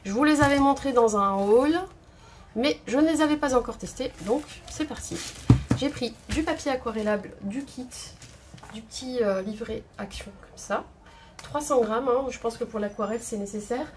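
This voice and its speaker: A woman's voice: fairly high pitch, noisy background. Chatty woman thinking aloud. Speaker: craft video host. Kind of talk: casual tutorial chat. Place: home craft table indoors.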